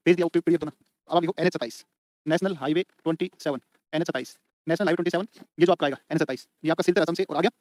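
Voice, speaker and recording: This exam-prep teacher speaks casually, addressing his students as beta and bhai and going over each point again and again for their notes. He has a fairly high-pitched, darkish voice, recorded without echo.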